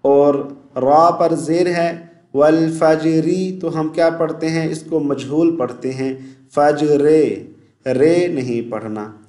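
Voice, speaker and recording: A man teaching Quran recitation, stretching the recited words slowly between quick spoken explanations. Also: a little high, a little mellow, reverberant. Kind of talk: online recitation lesson.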